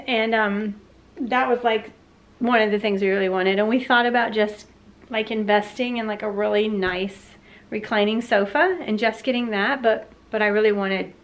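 Woman, 40s, Southern American accent, chatty home vlogger, slightly high voice, filmed at arm's length indoors. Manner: chatty, rambling with many fillers and restarts. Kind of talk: casual chat. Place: her living room at home, indoors. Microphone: handheld camera at arm's length.

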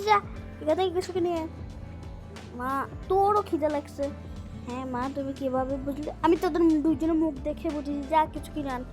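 A woman acting out a one-person family skit, switching between a mother and her children. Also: sits high.

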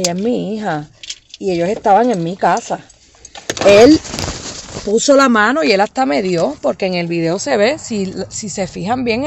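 A woman's voice: mid-range voice, vocal fry, slight background noise. Emphatic Puerto Rican woman. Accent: Puerto Rican Spanish. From Puerto Rico. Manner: animated, emphatic, with English words mixed in. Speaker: interviewee telling a family story. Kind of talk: emotional personal account.

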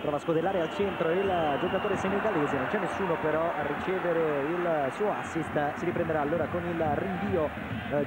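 A man giving live play-by-play football commentary. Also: a little high. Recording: very noisy stadium broadcast. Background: stadium ambience.

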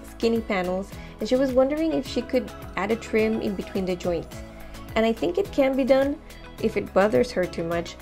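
A woman's voice: mid-range voice, a little mellow. Upbeat, encouraging woman vlogger. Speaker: home renovation vlogger. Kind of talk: friendly voice-over narration. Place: home living room, indoors. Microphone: lapel mic.

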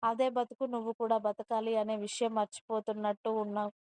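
A domineering young husband from a storybook, read by a woman in her own voice. He scolds and threatens in a bossy tone, delivered in a higher, flat-toned voice. The sound is crisp and dry, close to the mic. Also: brisk, dry recording, close to an everyday voice. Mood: furious. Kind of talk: storybook narration with dialogue.

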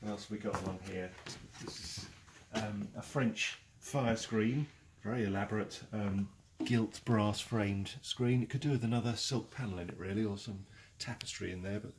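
A chatty, enthusiastic English auctioneer with a gravelly, lowish male voice gives a casual tour of a large, cluttered indoor saleroom, chuckling often. He speaks in a steady tone at a moderate pace. A handheld camera follows him, its mic picking up the noisy room as he walks.

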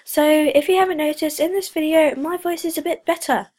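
High-voiced and a little mellow, this teenage gaming channel host talks fairly quickly with fairly even intonation. Her casual gameplay chatter is full of fillers and frequent whispers, her voice a bit stuffy from a cold, captured in a noisy home recording with clicks.

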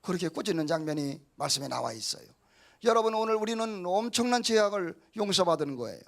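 A middle-aged man preaching with a high, gravelly voice. He talks to the congregation in a homely, folksy way, acting out little scenes and punctuating them with hallelujahs. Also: expressive, fast talker. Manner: folksy preaching with acted-out quotes and frequent hallelujahs. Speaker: pastor. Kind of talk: sermon.

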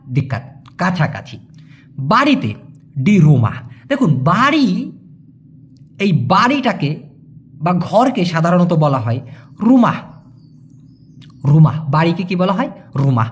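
A man from Bangladesh giving a casual spoken language lesson, repeating each word slowly for pronunciation and talking to viewers as brothers. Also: sits high. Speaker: language teacher.

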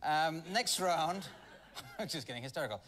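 A man's voice: a little high, expressive, normal speed, fairly bright tone. A man hosting a comedy panel show with dry, giggly, rambling asides. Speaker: game show host.

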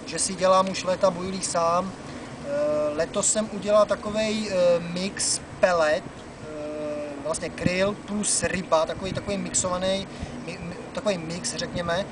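A man's voice: high voice, fairly even intonation. A man in his thirties from the Czech Republic, chatting casually about fishing on a river dock, with lots of "eh" fillers. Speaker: angler and fishing vlogger. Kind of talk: casual outdoor fishing talk to camera. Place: outdoors on a wooden dock by a wide river. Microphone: camera mic from a few meters away. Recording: distant camera mic with outdoor noise.

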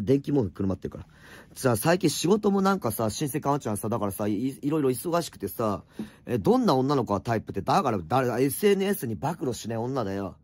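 A middle-aged man with a slightly hoarse voice rattles through viewer comments on a late-night home livestream. His speech is quick and lively and swings widely in pitch, with blunt, teasing replies and muttered asides. The sound is close and dry, with no room around it. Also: no room sound. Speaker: streamer reading and answering viewer comments. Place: at home, wrapped in an electric blanket.

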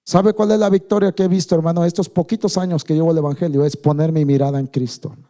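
Male pastor, high voice, language sermon, swells to loud fervent peaks. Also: flat delivery, quick pace. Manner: preaching with rising shouted climaxes, addressing listeners as brother.

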